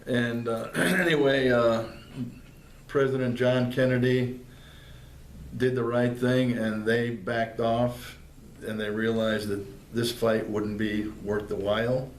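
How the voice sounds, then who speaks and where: A man's voice: mid-range voice, steady tone, slow pace. Older guy from pennsylvania spinning army yarns, lots of uhs, roomy echo. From northeastern Pennsylvania. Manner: plainspoken storyteller, frequent fillers and restarts. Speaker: veteran interviewee. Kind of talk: oral history interview. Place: public library room. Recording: roomy, with faint background noise.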